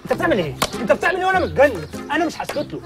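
A hot-headed Egyptian man rants in a very high voice. His pitch swings widely as he rattles on. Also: huge pitch swings, rapid-fire, music in the background, exaggerated voice. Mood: ranting. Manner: ranting. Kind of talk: comedy series acting.

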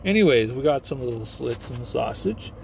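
A young man films a joking how-to vlog while cooking on a sizzling camp stove inside a parked car, with his phone held or propped close by. His medium-pitched voice is lively and a little fast with vocal fry, over slight background noise, as he rambles offhandedly and pokes fun at himself.

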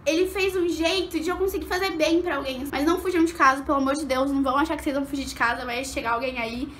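Fast, bright-voiced young woman vlogger. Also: roomy sound, a little hiss or hum. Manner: animated, acts out quotes with big pitch jumps. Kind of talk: storytime vlog.

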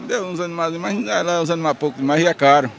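A man who trades livestock, answering interview questions outdoors at a fair in a soft-spoken, agreeable way. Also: a little high, fairly quick, gravelly. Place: outdoor dirt fairground.

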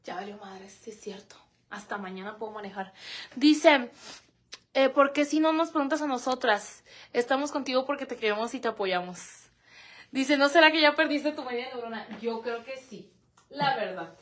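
A young woman with a Mexican accent talks on a livestream in a high voice. Her chat is dramatic and chatty, and she keeps reading her viewers' comments aloud. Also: animated, moderate pace. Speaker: livestream host.

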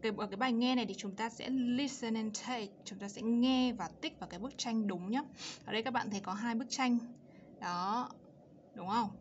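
Woman teacher going over english words for kids, stretches them out slow, kinda dull recording with a bit of hiss. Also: fairly high pitch. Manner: slows and stresses English words and sounds. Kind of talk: explaining an English lesson for children.

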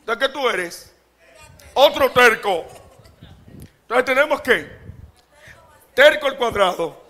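A male pastor preaching with a notably high voice. He jokes and laughs easily and keeps calling out rhetorical questions to the congregation. His delivery stays animated throughout. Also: slow pace. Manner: humorous, laughs often.

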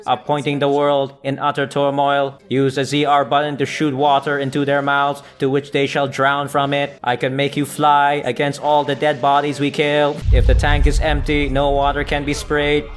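A man's voice: medium pitch, completely flat delivery, normal speed, hardly any pauses, natural voice. A man voicing a sinister male water-pump machine that plots world domination, in a menacing mock-villain reading with faint game music behind.

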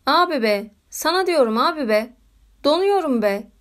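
A woman's voice: sits high, very fast, close to an everyday voice. A woman voicing a sleepy little boy who whines and pleads that he is freezing. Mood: whining. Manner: whiny, pleading.

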